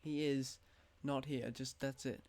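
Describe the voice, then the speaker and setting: A teenage boy hosting a casual podcast chat, excitable and swearing casually. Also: mid-range voice, unhurried. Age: teens. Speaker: podcast host.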